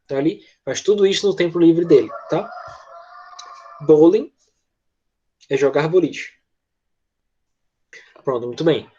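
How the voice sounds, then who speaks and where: Teaching an English class online, a man with a Brazilian accent patiently leads his pupils through repetition, often checking in with quick tag questions. His voice is a little high and warm with a breathy edge, and the recording sounds muffled.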